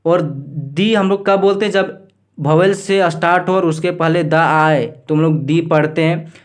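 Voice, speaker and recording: A man teaching an English lesson, asking questions and answering them himself in a slow, repetitive drilling way. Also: fairly high pitch, fairly even intonation. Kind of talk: classroom lesson.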